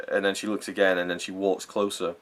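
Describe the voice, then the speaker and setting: A man's voice: low-pitched, fairly bright tone. A young man giving a casual, rambling, earnest film review, swearing now and then and getting openly emotional.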